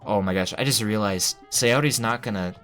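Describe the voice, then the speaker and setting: A young man commentating on a game with loud, exasperated outbursts. His voice sits fairly low. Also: normal speed, soft background music. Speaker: gaming YouTuber.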